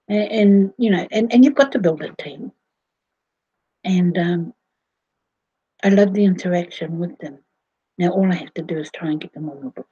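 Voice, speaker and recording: A woman, talking slowly to her viewers in a rambling way, with many fillers and restarts. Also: fairly low pitch, mellow, lo-fi sound. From New Zealand. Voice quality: husky. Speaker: vlogger. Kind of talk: casual monologue to camera.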